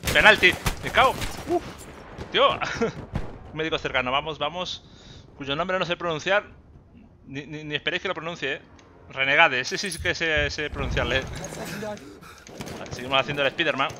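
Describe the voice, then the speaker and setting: Man, Spain Spanish accent, gameplay commentary, joking and swearing, slightly high voice, loud gunfire underneath. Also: normal speed, pauses often, background noise. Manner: excitable, joking, swears often. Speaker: gaming YouTuber. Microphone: desk USB microphone. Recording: loud game gunfire behind. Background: gunfire and explosions from the game.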